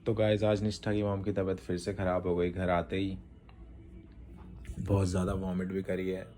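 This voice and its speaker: A man vlogging at home, talking to viewers and gently soothing his crying wife. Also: sits low, completely flat delivery, moderate pace, faint music behind. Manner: soothing, pleading softly. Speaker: vlogger, father. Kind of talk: casual family vlog. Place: home, indoors.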